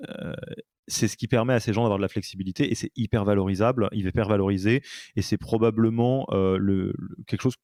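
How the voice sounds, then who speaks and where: Male podcast host, low and dry, hesitant conversational delivery. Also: steady tone, brisk, mellow, no room sound. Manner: hesitant, many fillers and restarts. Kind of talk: casual interview conversation.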